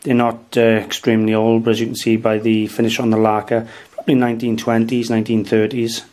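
A Welsh man in his thirties, an antiques dealer and channel host, talks casually about his market finds in an indoor show-and-tell vlog from his dining room. He speaks briskly in a mid-range, darkish, monotone voice, slipping "um" and "guys" into his tips.

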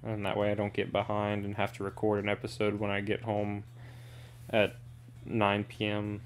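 A man's voice: fairly low pitch, completely flat delivery, moderate pace. A man giving casual gameplay commentary, rambling with dry sarcastic asides. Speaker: gaming video creator.

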